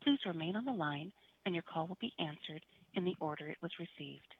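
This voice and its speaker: A woman's recorded phone menu voice heard over a landline phone, reading prompts in an even, measured announcer manner. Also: on the low side, slightly rough. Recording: dull phone line audio.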